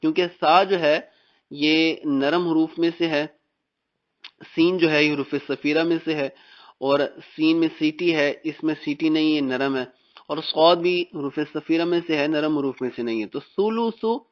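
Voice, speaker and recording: A man from Pakistan teaching Quran reading in a recorded lesson, patiently explaining and drilling letter sounds slowly. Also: on the high side, steady tone. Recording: dull, muffled recording.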